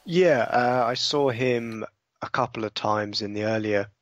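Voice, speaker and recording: A man's voice: medium pitch, a little slow, no room sound, muffled recording. A man appearing as a guest on a football podcast, asking a question in a hesitant, casual way with many ums.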